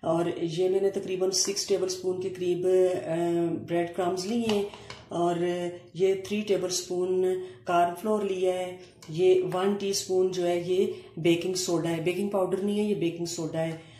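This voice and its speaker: Calm low-toned woman, cooking demo. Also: a little slow. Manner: calm step-by-step explaining with frequent hesitations. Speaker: cooking channel host. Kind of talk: home cooking demonstration. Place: home kitchen counter, indoors. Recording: echoey room with faint ambient noise.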